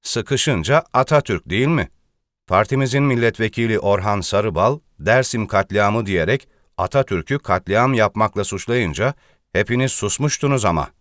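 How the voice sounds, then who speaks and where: Brief: angry, accusing male politician, low dry voice; read by a man. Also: expressive, moderate pace, fairly bright tone, dry recording.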